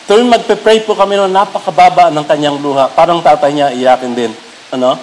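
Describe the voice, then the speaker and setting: A middle-aged Filipino pastor preaching a sermon, mixing Tagalog and English and rising to emphatic peaks. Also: male voice, fairly high pitch, brisk, darkish tone, slight background noise, poor audio. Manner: switches between Tagalog and English, builds to raised emphatic peaks.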